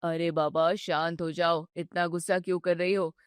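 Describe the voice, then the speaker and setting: A woman voicing a young husband who calmly soothes his upset wife. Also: moderate pace, smooth, no echo, studio quality, close to an everyday voice. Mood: soothing. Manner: low, soothing and patient. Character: young husband, calm peacemaker between wife and mother.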